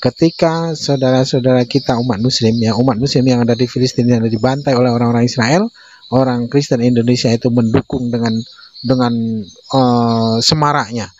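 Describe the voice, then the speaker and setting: A man's voice: medium pitch, steady tone, brisk, darkish tone, a little hiss or hum. Male host, preachy commentary, repetitive tag words, muffled lo-fi sound. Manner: repetitive, tags sentences with "ya". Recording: muffled lo-fi audio.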